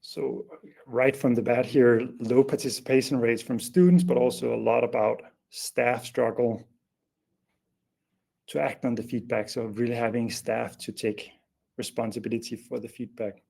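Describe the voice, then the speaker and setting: A man's voice: mid-range voice, steady tone, normal speed, gravelly, a little mellow. A man hosting an online webinar in a casual presenting style, often restarting his sentences and leaning on fillers. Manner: hesitant, many restarts and fillers. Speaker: webinar host.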